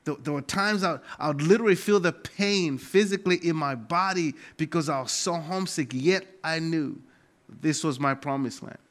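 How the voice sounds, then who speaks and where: A middle-aged man with a Malawian accent gives an emphatic sermon as a pastor, returning again and again to key phrases. His pitch is on the high side and his tone fairly bright.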